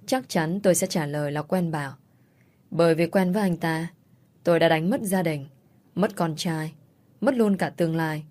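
A woman's voice: lowish voice, dark tone. A woman narrating a first-person story in a sorrowful, confessional way.

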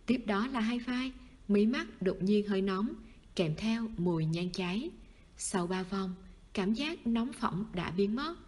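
A woman's voice: mid-range voice, lively intonation, measured pace, darkish tone. Woman narrating a spooky novel. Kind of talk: audiobook narration.

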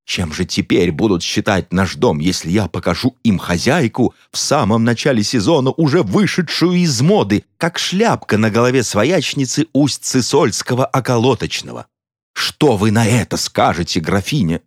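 A man reading an audiobook plays a gloomy, pompous count with a sardonic, gruff manner. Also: on the low side, sing-song, measured pace, dry recording, studio quality, full character voice. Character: gloomy pompous middle-aged count, turning coarse.

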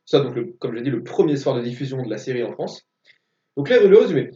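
A man's voice: medium pitch, big pitch swings, fast talker, dark tone. A man co-hosting a casual film podcast, going methodically through facts and dates. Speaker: podcast co-host. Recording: echoey room, distant dull mic.

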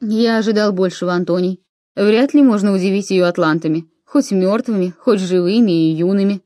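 A woman voicing a young, cautious Roman emperor in an audiobook, speaking in a measured, questioning way. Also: medium pitch, warm tone, dry recording, studio quality, close to an everyday voice. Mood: disappointed.

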